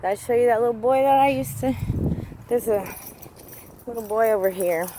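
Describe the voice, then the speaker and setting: A woman's voice: on the high side, normal speed, background noise. A woman vlogging while walking through a cemetery, ranting heatedly and swearing a lot. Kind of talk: casual walking vlog. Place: outdoors in a cemetery.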